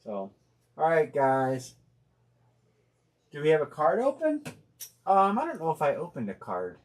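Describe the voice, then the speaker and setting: A man hosting a live sports card break stream, talking casually and thinking out loud with plenty of fillers and restarts. He speaks bluntly and uses slang. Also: on the high side, big pitch swings, measured pace. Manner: rambling, thinking aloud with many fillers and restarts.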